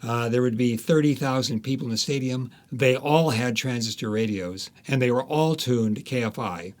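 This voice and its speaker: An American author in his seventies, being interviewed, reminisces through anecdotes in an emphatic, enthusiastic way. His voice is mid-range and his speed normal.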